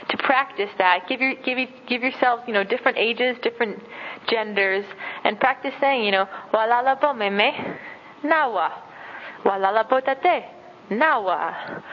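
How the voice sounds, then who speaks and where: A woman at home giving a casual spoken language lesson, with plenty of fillers, who repeats words slowly and carefully. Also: medium pitch, a little hiss or hum. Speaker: language teacher. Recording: dull lo-fi recording.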